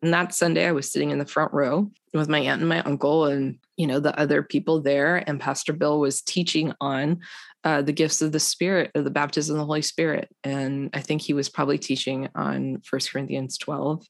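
A woman with a low, deep voice, telling a personal story in an easy, chatty way. She jumps into other people's voices as she quotes them. The sound is dry and close, with no room echo. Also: a little fast, vocal fry. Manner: animated storyteller acting out quotes. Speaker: guest. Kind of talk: casual testimony conversation.

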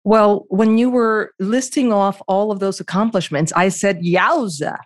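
A New York woman from the Bronx speaks slowly and bluntly in a mid-range voice, with no echo. She's a history professor appearing as a guest in a casual interview over a remote call, candid and plainspoken throughout.

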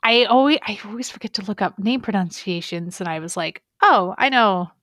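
A woman's voice: medium pitch, brisk, a bit bright, no room sound, clean studio sound. A young woman co-hosting a gaming podcast in casual, rambling, enthusiastic chat. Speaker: podcast co-host.

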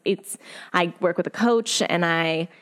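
Female guest, lower-pitched, animated storyteller, quick to laugh. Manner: animated, laughs often, lively acted quotes. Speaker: actress and guest, dungeon master. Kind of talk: casual interview chat.

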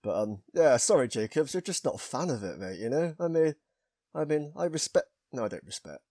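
A man's voice: medium pitch, sing-song, brisk, mellow, no echo, studio quality. A man co-hosting a podcast, joking crudely and laughing often in casual banter. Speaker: podcast co-host.

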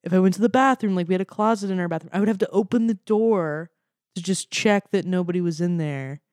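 Animated woman storyteller, dry close sound. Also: lowish voice, fast, smooth, no room sound. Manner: animated storyteller, acts out her own gasps. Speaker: podcast guest. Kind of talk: casual chat.

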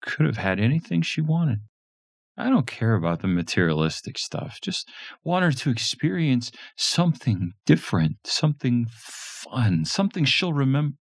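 Brash, gruff middle-aged father, read by a man in a storybook, raised voice with lively swings. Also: medium pitch, normal speed, no room sound, clean studio sound, voice pushed up. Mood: bitter.

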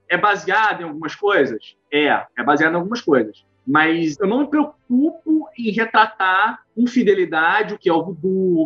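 A man's voice: sits high, a bit bright. A man with a Brazilian accent, an author chatting casually and then reading his own book aloud, self-deprecating and full of filler tags. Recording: dull lo-fi stream with faint music.

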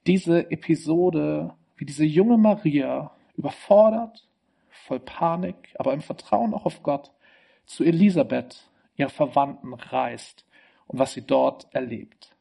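A pastor speaks to his congregation, explaining what comes next and inviting them to picture the story. His voice is gravelly and husky, rather high for a man, with a mellow tone. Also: lively intonation, measured pace. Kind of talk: sermon introduction.

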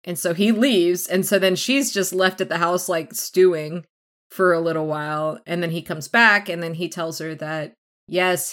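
Brief: woman podcast co-host, lower voice, animated recap that jumps into character voices. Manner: animated retelling, acting out characters' lines with laughs. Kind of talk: casual book recap chat.

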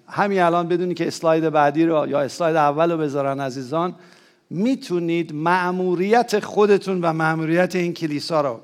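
A man with a Persian accent, preaching a sermon to his church. He keeps asking the congregation questions and calls on them to answer aloud. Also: on the high side. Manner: rises to emphatic, excited peaks. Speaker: pastor.

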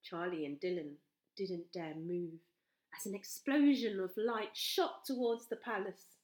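A woman reading a children's storybook aloud, slowly and with expression. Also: mid-range voice. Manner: slow, expressive. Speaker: storybook reader. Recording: roomy echo.

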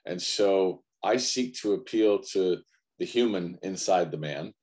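An American man, a guest coach, answers in a very deep, low voice. He talks earnestly and emphatically in a conversational interview, piling up repeated phrases to drive his point home. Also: a little slow, darkish tone. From United States. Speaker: guest, men's culture coach.

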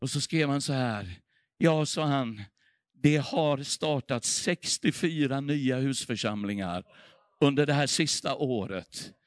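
A middle-aged man preaching a sermon, telling a revival story with fervour, swinging between hushed and loud passages. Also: medium pitch, no echo, clean studio sound. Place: church.

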